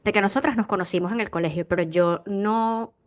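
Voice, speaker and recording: A woman's voice: medium pitch, fairly quick. A young adult woman with a Venezuelan accent, hosting a podcast in chatty, giggly conversation. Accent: Venezuelan Spanish. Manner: chatty, giggly, animated storyteller. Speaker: podcast host. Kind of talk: casual chat.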